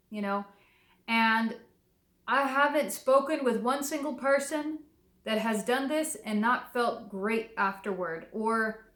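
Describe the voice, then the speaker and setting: A woman from southern Texas near the Mexican border, a native English speaker who makes devotional videos, talks casually to camera in a slightly high voice. She is chatty and rambling, full of fillers and restarts, and the audio is reverberant.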